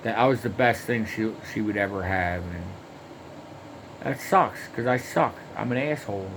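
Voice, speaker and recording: Against a noisy background, a man with a lowish voice tells a rambling first-person story at normal speed. He swears constantly, uses lots of fillers, and restarts his sentences again and again.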